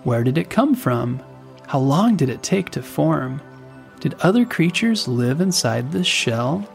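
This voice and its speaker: A man reads a guided meditation at a slow, unhurried pace. His voice has a gravelly creak and moves expressively up and down in pitch. Soft music plays behind his soothing, scripted narration. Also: big pitch swings. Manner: unhurried, soothing delivery with pauses. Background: music bed.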